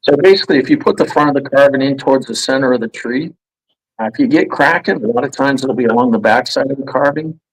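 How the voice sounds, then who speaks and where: A man explains his craft in a husky, somewhat breathy voice. He talks casually and haltingly, circling back with fillers and restarts. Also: medium pitch, low-quality recording. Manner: hesitant, many restarts and fillers. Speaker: guest chainsaw carver. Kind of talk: casual explanation on a live stream.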